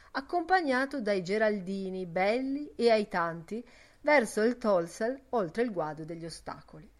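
Woman narrator, audiobook, measured, even, middle pitch.

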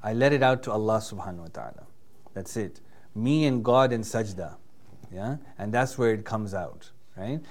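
A man's voice: fairly low pitch, moderate pace. A man giving a religious lecture in English, who recites passages fluently in Arabic and often checks in with "yeah?" and "right?". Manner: earnest, emphatic delivery. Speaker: preacher.

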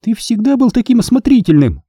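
A man voicing a hot-tempered teenage girl Jedi apprentice in an audiobook, quick to argue and indignant. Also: extremely high pitch, sing-song, dark tone, husky, no room sound, clean studio sound, pitched above the performer's own voice, exaggerated voice. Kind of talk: audiobook character voice.

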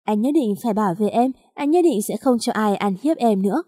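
A woman's voice: a little high, animated, fairly quick, dark tone, dry recording, clean studio sound. A woman voicing a determined young boy who is earnest and protective of his little sister. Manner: earnest, pleading.

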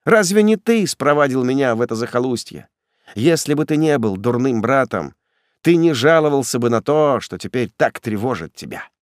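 A man voicing a grim male executioner who talks down to his prisoner in a cold, sneering, gruff way. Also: mid-range voice, animated, normal speed, no room sound, clean studio sound, natural voice. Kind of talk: audiobook character voice.

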